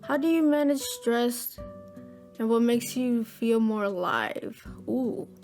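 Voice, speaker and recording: A young woman in her twenties with a fairly high voice, talking to her viewers in a relaxed Q&A vlog. She is chatty, upbeat and full of slang. Soft music plays faintly behind her. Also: slow. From Florida, USA. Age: 20s. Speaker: gaming YouTuber. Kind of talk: casual Q&A vlog. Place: at home at her computer.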